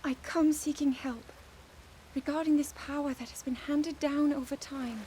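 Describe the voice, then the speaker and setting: A woman's voice: high voice, steady tone, moderate pace, dark tone, slight background noise, close to an everyday voice. A woman playing an earnest, burdened teenage princess in a dramatic video game cutscene, with formal, emotive delivery. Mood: troubled, searching. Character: earnest, burdened sixteen-year-old princess, regal and yearning. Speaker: voice actor.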